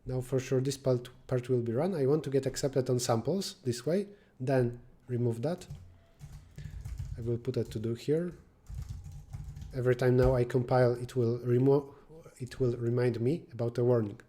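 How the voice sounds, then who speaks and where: On a live stream, a man with a mellow, somewhat dark voice reasons aloud through programming problems, pausing at times to reply to chat. Now and then he drops into quiet muttering as he sorts out details. His pitch is medium, his tone steady, and his pace normal.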